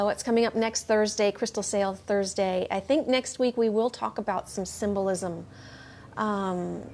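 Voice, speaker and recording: A woman hosting a live spiritual chat, answering viewer comments with warm, gushing thanks and repeating herself often. Her voice sits at a middle pitch for a woman. A faint hiss runs under the recording. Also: vocal fry. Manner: reads viewer comments aloud and answers them. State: clearing her throat now and then. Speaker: spiritual livestream host. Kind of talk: live chat after a meditation.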